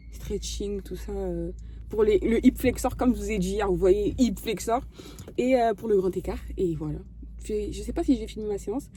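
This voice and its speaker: A woman's voice: mid-range voice, dark tone, a little hiss or hum. A woman vlogging in a casual chat, rambling and thinking aloud with lots of hesitations and playful self-talk.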